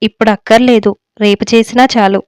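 A shy young bride with a teasing, coaxing way of asking for things. A woman plays her in a storybook reading, her voice a bit high and very clear. It is recorded close with no room around it. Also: steady tone, fairly quick, no echo, lightly acted. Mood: coy. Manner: coy, gently coaxing.

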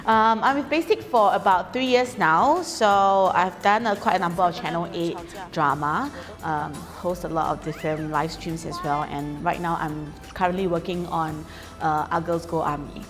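A woman's voice: lowish voice, normal speed, few pauses, big-room sound, over music. A woman actress and host cheerfully introducing herself to trainees. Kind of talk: self-introduction on camera. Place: studio set, seated.

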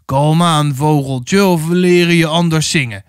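A man's voice: on the high side, normal speed, no echo, clean studio sound, lightly acted. A man voicing the oldest of three cattle drivers, a brutal leader who snarls threats, in a storybook reading. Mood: snarling. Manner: snarling, menacing.

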